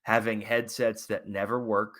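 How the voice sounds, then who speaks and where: A high school football coach co-hosting a podcast, speaking earnestly and reflectively in casual chat. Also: male voice, flat delivery, moderate pace, a bit bright. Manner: earnest and reflective, with small restarts.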